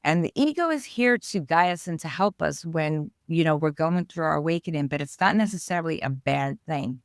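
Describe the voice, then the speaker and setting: Her voice sits low and sounds animated, moving a little fast. She's an author with a New York accent, a guest in a spiritual interview who explains spiritual growth in an earnest, flowing manner, recorded dry with clean studio sound.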